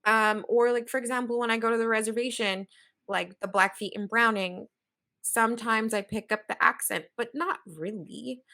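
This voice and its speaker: Bright-voiced woman with Valley Girl accent. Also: fairly high pitch, fairly even intonation, normal speed, creaky. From Hawaii. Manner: earnest, reflective, frequent "right?" tags. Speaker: podcast co-host. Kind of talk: casual discussion.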